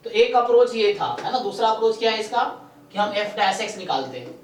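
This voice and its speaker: A man's voice: high-pitched, big pitch swings, a little fast, echoey room, distant mic, slight background noise, poor audio. A man teaching math in a live online lecture, explaining step by step and often checking in with "है ना".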